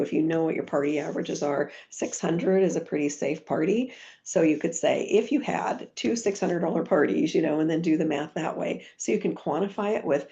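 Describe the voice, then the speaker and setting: A low, gravelly middle-aged woman speaks in a mellow tone, telling earnest stories over a muffled video call. She leads the team call as guest speaker, often restarting her sentences as she goes. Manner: warm anecdotal, earnest, many restarts. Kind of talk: motivational storytelling on a team call.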